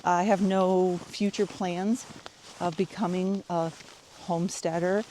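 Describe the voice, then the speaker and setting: Chatty woman vlogging outdoors, low voice. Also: slow pace, slight background noise. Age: 50s. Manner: chatty, relaxed, addressing viewers directly. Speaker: health coach and vlogger. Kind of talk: casual vlog chat. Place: outdoors at home, patio and walking route.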